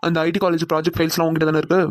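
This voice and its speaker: A woman's voice: sits low, little pitch movement, racing, no room sound, studio quality, close to an everyday voice. A woman doing a teasing young male boss. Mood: matter-of-fact. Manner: playful, teasing, bossy. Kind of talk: cartoon voice acting.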